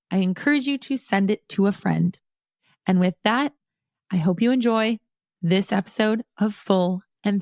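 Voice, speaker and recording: A woman's voice: mid-range voice, dry recording, studio quality. A woman hosting a podcast, upbeat and encouraging as she introduces a guest and asks questions. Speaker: podcast host. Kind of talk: podcast interview.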